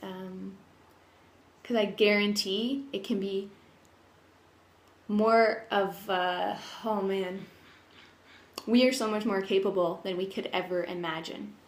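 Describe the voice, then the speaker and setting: A woman's voice: medium pitch, steady tone, slow, long pauses. Pensive woman reflecting in an echoey room. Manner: pensive, searching for words with trailing thoughts; candid, earnest, emotionally open. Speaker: personal development vlogger sharing their own journey. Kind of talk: reflective personal vlog monologue.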